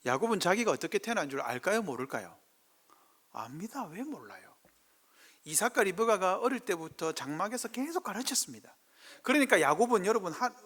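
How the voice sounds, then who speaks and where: A man's voice: sits high, a bit bright. A middle-aged male pastor with a Gyeongsang Korean accent preaching a sermon, acting out quoted speech in dialect.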